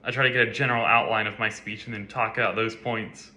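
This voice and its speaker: A man's voice: on the low side, fairly even intonation, brisk, bright, forceful tone. A young man and college student giving a casual, conversational class reflection talk, with some filler words.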